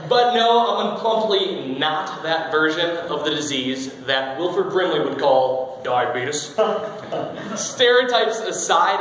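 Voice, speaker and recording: Man, 20s, humorous speech, self-deprecating jokes, higher-pitched voice, long hall reverb, faint background noise. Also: a bit bright. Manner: joking, self-deprecating storyteller. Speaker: speaker giving a speech.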